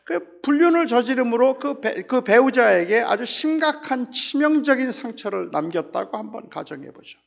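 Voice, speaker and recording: A man preaching a reflective sermon as pastor, acting out quoted dialogue and dropping suddenly soft. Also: very high-pitched, animated, moderate pace, vocal fry, few pauses.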